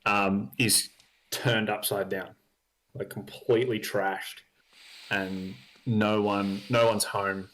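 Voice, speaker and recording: A man's voice: lowish voice, fairly even intonation, slow pace, fairly bright tone, slight background noise. A young man narrating as dungeon master, hesitant with many ums and likes. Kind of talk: narrating a tabletop game.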